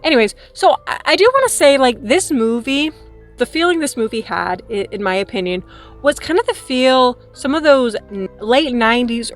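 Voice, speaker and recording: Giggly, tipsy high-voiced woman chatting. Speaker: movie reviewer hosting a vlog. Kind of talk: casual chatty review to camera.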